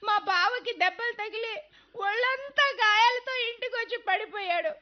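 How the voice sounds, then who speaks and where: A woman's voice: very high-pitched, normal speed. A woman voicing a weeping young wife who pleads with her husband in a radio play. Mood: tearful. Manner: tearful, pleading. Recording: dull lo-fi recording.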